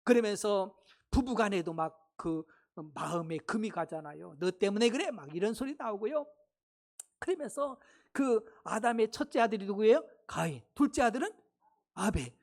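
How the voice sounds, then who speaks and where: A man preaching a sermon in a church, talking in a conversational style with rhetorical questions, swinging between loud exclamations and hushed asides. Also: sits high, lively intonation, normal speed, gravelly. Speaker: pastor. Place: church sanctuary.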